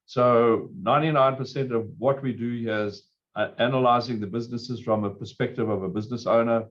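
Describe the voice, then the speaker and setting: A hoarse man, a fund manager, answering interview questions in a measured, explanatory way. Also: mid-range voice, steady tone, dull audio.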